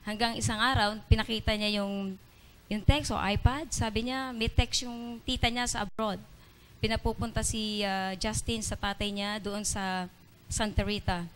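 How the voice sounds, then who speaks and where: A woman giving an earnest church testimony during an evening service, halting often with fillers and restarts. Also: medium pitch, fairly even intonation, slight background noise. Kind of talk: spoken testimony in Tagalog-English mix.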